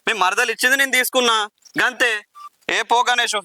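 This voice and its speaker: An actor with a Telangana Telugu accent playing a smug village moneylender who waves objections away. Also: male voice, high voice, quick pace, pushed and bright, no echo. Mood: dismissive. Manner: offhand, brushing off objections. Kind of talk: village drama acting.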